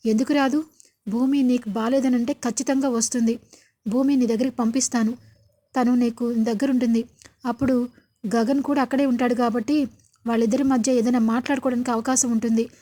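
A woman reading the lines of a reassuring middle-aged husband in a serial retelling, firm and steady. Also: on the high side, brisk, lightly acted.

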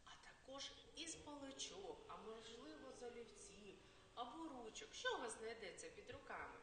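A woman kindergarten teacher giving a literacy lesson to small children, reading syllables slowly and telling little rhyming tales. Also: fairly high pitch, very animated. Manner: slow, drawn-out syllable reading and rhyming storytelling. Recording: roomy, distant, faint hiss.

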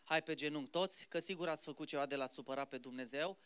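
Man doing a hushed, pious father. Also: fairly high pitch, smooth, voice pushed down, lightly acted. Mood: earnest. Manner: hushed, gently insistent. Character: pious father calling children to prayer.

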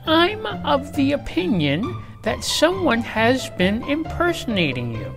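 A man voicing a prim, dull, gullible male principal in a storybook, fussy and drawn-out. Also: very high-pitched, wildly swooping pitch, creaky, music in the background, pitched above the performer's own voice, heavily acted. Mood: pompous.

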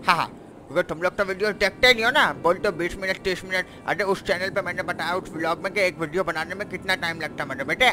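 Brash Pakistani Urdu gamer, noisy street. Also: male voice, high-pitched, quick pace. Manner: brash, teasing, calls viewers his sons. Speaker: gaming vlogger and roleplayer. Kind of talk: casual in-character game roleplay. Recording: loud traffic and engine noise.

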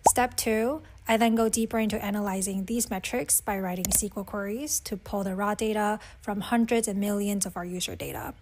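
A woman's voice: medium pitch, fairly quick, few pauses, a little hiss or hum. Young Taiwanese-born woman vlogging. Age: 20s. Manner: relaxed, uses "like" often. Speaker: business analyst vlogger. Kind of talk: casual day-in-the-life vlog narration. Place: apartment home office, indoors. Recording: background music under voice.

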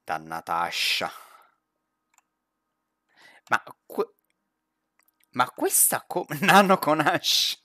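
Gaming streamer on a headset, bright and tense voice, laid-back pace, joking banter with a teammate. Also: mid-range voice, wildly swooping pitch, drawn-out words, long pauses, no room sound, studio quality. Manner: chatty, laughs often, jokey banter with a teammate. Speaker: streamer playing a horror game with a friend. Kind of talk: casual gaming commentary.

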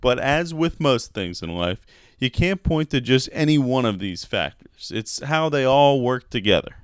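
A man's voice: mid-range voice, expressive, measured pace, smooth, dry recording. A young man reporting a news feature outdoors by a creek, speaking into a handheld mic. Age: young adult. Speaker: student reporter.

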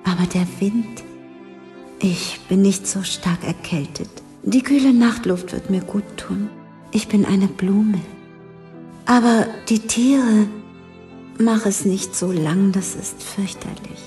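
A woman voicing a proud, delicate female flower in a storybook, speaking softly in a hushed, half-whispered way. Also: medium pitch, soft background music, close to an everyday voice. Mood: tender. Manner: gentle, wistful, slow. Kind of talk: storybook reading.

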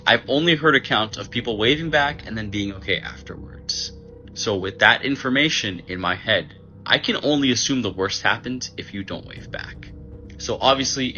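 A man's voice: mid-range voice, pushed and bright. A man telling a story in an earnest, explanatory way for a short video. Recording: dull lo-fi clip with faint noise.

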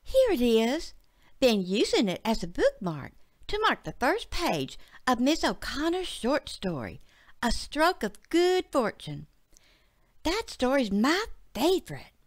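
A woman's voice: high voice, huge pitch swings, slow, no echo, clean studio sound, voice pushed up, exaggerated voice. Woman voicing bookish teen girl. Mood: earnest. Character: teenage country girl, bookish and wary.

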